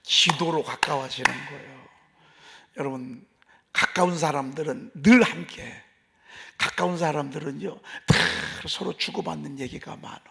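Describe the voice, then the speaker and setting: Gravelly folksy Korean pastor preaching. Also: male voice, on the high side, a little slow, pushed and bright. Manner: folksy, emphatic, repeats phrases and asks the congregation questions. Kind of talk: dawn service sermon. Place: church sanctuary.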